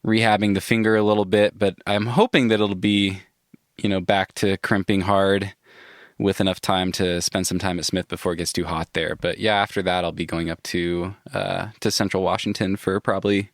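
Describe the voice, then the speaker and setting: A low-voiced male podcast host, a little stuffy from a head cold, chats casually and reads an ad from inside a van at a moderate pace. He stays relaxed, laughs frequently, and restarts sentences. The recording is dry and studio quality.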